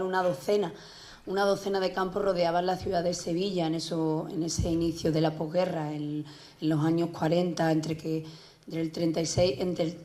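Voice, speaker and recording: A woman journalist giving a conference talk, speaking with many pauses and restarts. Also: fairly low pitch, warm tone. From Spain. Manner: hesitant, many restarts and fillers. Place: public conference hall.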